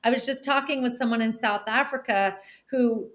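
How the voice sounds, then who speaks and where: Being interviewed on a podcast, this nonprofit founder in her forties speaks at a moderate pace with a slightly high, somewhat bright voice. Her delivery is animated, punctuated by frequent laughter and small acted-out quotes.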